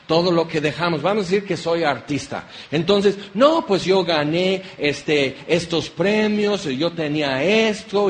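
A pastor delivers an animated sermon, slipping into playful voices for the people he quotes. His voice sits high for a man. A faint hiss of background noise runs under the recording.

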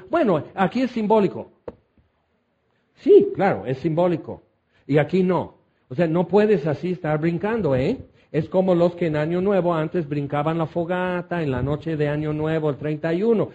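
A man's voice: fairly high pitch, dark tone, dull audio. A man preaching a Bible teaching sermon, reading scripture and adding conversational asides to his listeners.

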